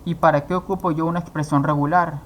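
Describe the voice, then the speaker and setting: A programming instructor records a screen-captured coding tutorial, explaining each step and posing questions to himself before answering them. His fairly high voice stays level at a quick pace, with slight noise in the background.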